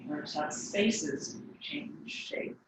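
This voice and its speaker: Brief: woman yoga teacher, calm breath cues, faraway mic in an echoey studio with faint hum. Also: sits low, slow. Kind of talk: guiding a yoga class. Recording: echoey room, voice from a distance.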